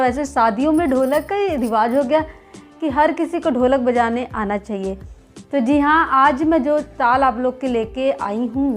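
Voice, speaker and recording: A woman teaching dholak in a casual, encouraging lesson, her throat a little sore. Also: sits high. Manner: chatty, encouraging, counts beats aloud.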